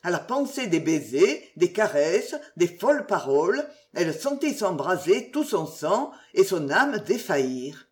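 A woman reading a literary novel aloud as narrator, lyrical and expressive. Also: lowish voice. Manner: lyrical and expressive, slowing for exclamations.

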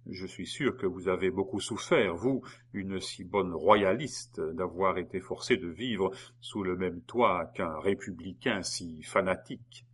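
A man's voice: deep voice, a little slow, few pauses, slightly rough. A man reading an audiobook and voicing a cold, mocking husband who taunts his wife with false politeness. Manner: sneering, mock-polite, taunting.

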